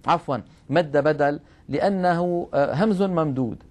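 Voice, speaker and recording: A middle-aged man giving a classroom-style lesson, explaining patiently and drawing out example words slowly. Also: fairly high pitch, darkish tone. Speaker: Quran recitation rules teacher.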